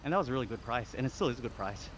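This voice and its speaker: A man's voice: medium pitch, very fast. Chatty Australian man with background noise. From Sydney, Australia. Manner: relaxed and chatty, reading chat aloud. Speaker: livestreamer. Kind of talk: casual live-stream chat. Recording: clear background noise with insects.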